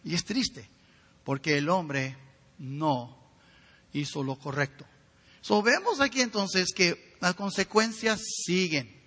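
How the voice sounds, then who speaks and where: Man, preacher, bright tense voice, husky edge, fervent sermon, questions the congregation. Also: high voice, slow pace, in a large hall. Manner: fervent, asks the listeners direct questions.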